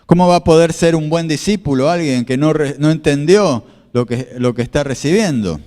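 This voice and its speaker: With a somewhat high, mildly mellow voice and moderate pace, this man's words ring out with a long reverb tail. An Argentine pastor whose native tongue is Spanish, he explains scripture during a slide-based sermon, repeating himself and quizzing his listeners.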